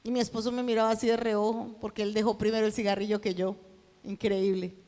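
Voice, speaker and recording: A woman preaching, telling a personal testimony and acting out the dialogue in it, at times rising to a shout. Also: medium pitch, level tone, fast talker, big-room sound. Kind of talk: sermon testimony.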